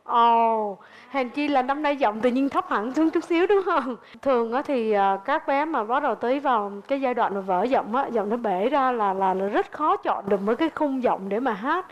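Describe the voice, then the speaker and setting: A woman gives a judge's feedback, methodically explaining what she heard. Her voice sits a little high. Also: lively intonation, normal speed. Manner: explaining, analytical. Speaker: talent show judge. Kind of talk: giving feedback.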